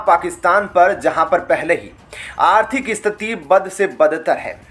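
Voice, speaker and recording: High-voiced man narrating dramatic news. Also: fairly bright tone. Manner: emphatic, addresses viewers as friends. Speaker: news commentator.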